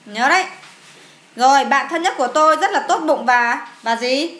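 A woman's voice: sits high, animated, moderate pace, fairly bright tone. A woman teacher, going through an English test with a child, asking questions and answering them herself.

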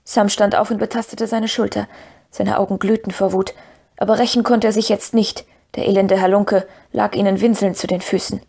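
A woman narrating a fantasy audiobook in an even, steady storytelling manner. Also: medium pitch, moderate pace, vocal fry, husky.

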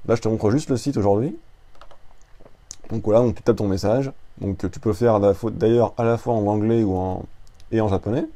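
Chatty man, low mellow voice. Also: steady tone, brisk. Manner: chatty, informal, many fillers and restarts. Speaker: Japanese tutor. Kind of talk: casual screen-recorded tutorial. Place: at a computer, typing.

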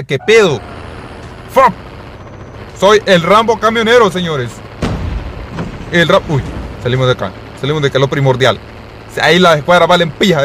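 A young man giving live gameplay commentary, excitable and full of profane slangy banter aimed at his viewers. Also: a little high, slight background noise. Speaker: gaming streamer.

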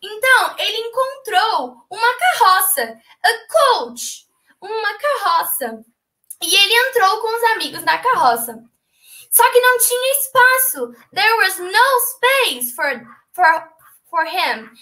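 A woman's voice: very high voice, big pitch swings, slow, pushed and bright. A woman teacher telling a children's story in a bilingual lesson, switching between two languages and gasping dramatically. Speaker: English teacher.

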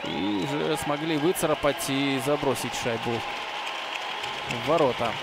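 A man commentating live on ice hockey, with excited goal calls. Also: mid-range voice, unhurried, a loud crowd. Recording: very noisy arena, loud background ambience.

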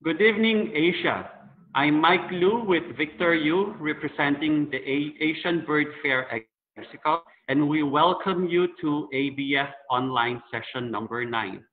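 A man's voice: on the high side, unhurried. A man hosting an online session, introducing the guest in an upbeat, announcer-like manner over a video call. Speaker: host. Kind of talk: formal introduction. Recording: tinny video call audio.

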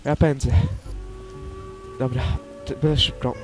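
A man's voice: mid-range voice, flat delivery, measured pace, close to an everyday voice. A man playing a nervous, loyal young hermit exploring in a Minecraft role-play, talking to himself as he goes. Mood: pleading. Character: young male hermit adventurer, anxious but loyal. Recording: loud game music behind.

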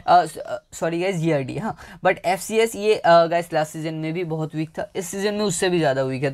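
A man's voice: a little high, darkish tone. A man chatting casually to viewers, giving fantasy cricket team advice with frequent fillers, recorded on a home mic. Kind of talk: casual analysis talk to viewers.

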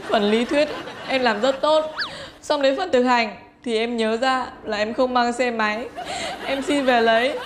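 A woman's voice: a little high, a little slow, a crowd in the background, background noise, natural voice. An actress playing a hapless young female student who whines and wails about her troubles. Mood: sheepish. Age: young adult. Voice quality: wailing, whiny. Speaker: student in a comedy sketch.

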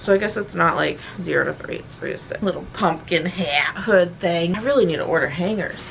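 A woman's voice: on the low side, brisk, vocal fry, slight background noise. A young woman vlogging at home, chatting casually and rambling with lots of fillers, a little out of breath. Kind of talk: casual chat.

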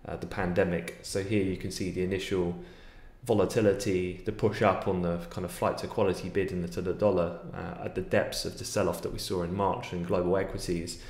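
Guy in his 30s doing market commentary, deep voice, lots of ums, echoey little room. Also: flat delivery, brisk, darkish tone. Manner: fluent and analytical, with frequent fillers. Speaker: market analyst. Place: small home office room.

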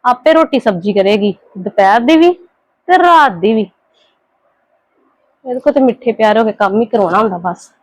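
A woman acting a scheming younger sister-in-law in a home drama skit, quick and defensive while sweet on the surface. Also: on the high side, expressive, no room sound. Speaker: actor in a family skit.

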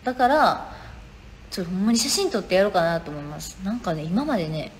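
A young woman with a Kansai Japanese accent hosts a live stream from her phone, reading viewer comments aloud and answering them in a chatty, casual way. Her voice is mid-range with lively intonation, and she talks fast. The room is reverberant, with faint background noise.

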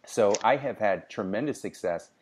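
A man's voice: fairly low pitch, animated, normal speed, a little mellow, slight background noise. A man co-hosting a casual sales podcast, giving upbeat coaching advice with frequent restarts. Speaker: podcast co-host.

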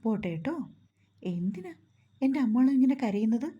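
A woman's voice: fairly high pitch, big pitch swings, moderate pace, dark tone, breathy edge, muffled recording. A woman voicing a grown man with a childlike mind who speaks in a coaxing, devoted way. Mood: childlike pleading.

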